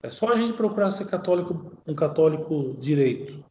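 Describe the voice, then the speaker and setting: A man's voice: fairly high pitch, lively intonation, mellow, dull audio, a little hiss or hum. Man preaching in an echoey room. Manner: alternates slow solemn reading with quick conversational commentary. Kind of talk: sermon commenting on a read text.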